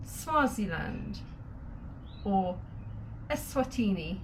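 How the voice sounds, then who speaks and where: A woman gives a patient, step-by-step sign language lesson, pausing to add small asides. Her pace is slow and deliberate. A faint hiss of noise sits under the recording. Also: mid-range voice, big pitch swings. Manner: patient, step-by-step explanations with light laughs. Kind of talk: instructional video lesson.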